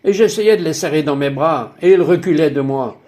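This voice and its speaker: A man's voice: a little high, a little fast, dark tone. A man narrating a dubbed personal testimony in an emphatic, exclaiming way, full of wonder.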